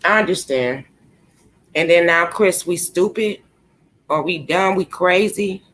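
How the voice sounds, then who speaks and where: A woman's voice: on the low side, unhurried, fairly bright tone. A woman talking casually on her live stream, swearing freely, laughing often and speaking straight to her viewers.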